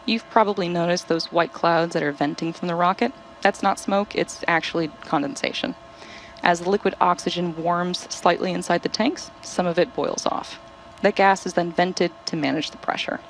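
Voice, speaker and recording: A woman's voice: lowish voice, normal speed, a little hiss or hum, rough recording. A woman hosting a live launch webcast, explaining technical steps in running commentary.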